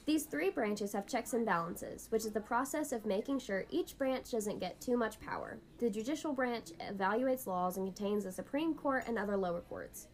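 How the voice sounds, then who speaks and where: This educational podcast host is a woman with a fairly high voice whose scripted, explanatory delivery lays out every point like a lesson. Her intonation is lively, her pace moderate, and she barely pauses.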